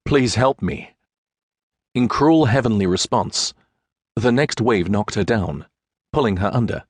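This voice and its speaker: A man reading a historical romance audiobook in a measured, dramatic storytelling manner. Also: on the low side, slightly rough, dry recording, studio quality. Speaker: audiobook narrator. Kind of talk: scripted narration.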